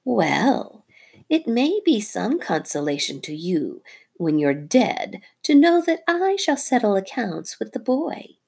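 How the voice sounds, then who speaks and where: Woman doing a slow hissing cobra queen. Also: mid-range voice, sing-song, creaky, a little mellow, breathy edge, pitched above the performer's own voice, heavily acted. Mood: menacing. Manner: slow hissing half-whisper. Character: menacing female cobra, cold and cruel.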